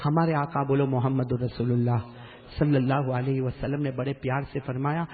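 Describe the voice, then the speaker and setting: A male preacher giving a sermon to a live gathering, calling out for the crowd to repeat after him and chanting verses slowly, moving between hushed talk and loud calls. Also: mid-range voice, level tone, phone-quality sound. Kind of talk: sermon with call-and-response.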